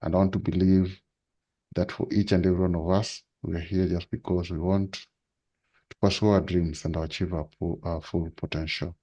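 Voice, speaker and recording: A man with a very low, mellow voice hosts an online webinar over a video call. He gives a formal introduction in a speech-like way, repeating his phrases. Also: flat delivery, normal speed, husky, lo-fi sound. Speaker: webinar host.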